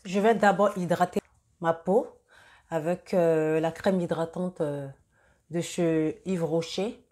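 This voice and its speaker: A young woman talking through a makeup tutorial in a casual, halting way, with many fillers and restarts. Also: fairly low pitch, steady tone, warm tone, soft background music. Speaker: beauty vlogger.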